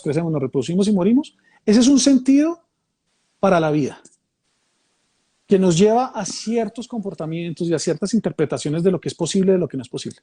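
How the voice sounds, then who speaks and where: Warm and husky, this man's voice sits high as he leads a reflective conversation. Born in Mexico and raised in Colombia, he explains his ideas thoughtfully, often going back to rephrase or repeat them.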